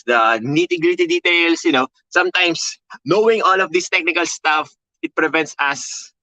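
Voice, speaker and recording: A Filipino-accented content creation coach teaches a motivational webinar in a loud voice. He is emphatic and high-energy, drills key phrases through repetition, and checks in often with "okay" and "all right." The audio is poor and has no room sound.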